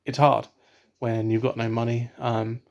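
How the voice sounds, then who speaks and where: Speaking into his laptop webcam from home, the same young English vlogger sounds gravelly and monotone at a medium pitch. His unscripted talk is halting, broken by frequent ums and fresh starts.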